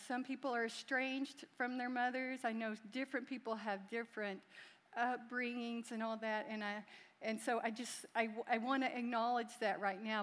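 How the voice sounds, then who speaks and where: A middle-aged woman, the pastor's wife, speaking to a congregation in a chatty, heartfelt way. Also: fairly high pitch. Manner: chatty, warm, laughing, heartfelt. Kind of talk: church talk. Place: large church. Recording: long hall reverb.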